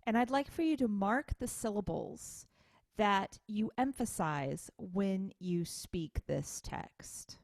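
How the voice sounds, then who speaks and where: A woman music instructor giving a recorded lecture, explaining things in a measured, step-by-step way. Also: mid-range voice, lively intonation, vocal fry, a little mellow, dry recording.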